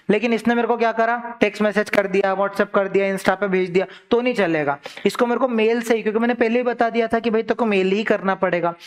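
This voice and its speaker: A young man teaching a law revision lesson in a chatty classroom style, talking straight to his students with everyday examples and slowing down to read legal terms. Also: sits high, clear, resonant tone.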